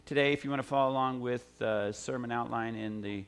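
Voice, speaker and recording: A man's voice: medium pitch, steady tone, fairly quick, smooth. A middle-aged man from the United States, a pastor giving a sermon in a conversational way, with asides and frequent "uh" fillers.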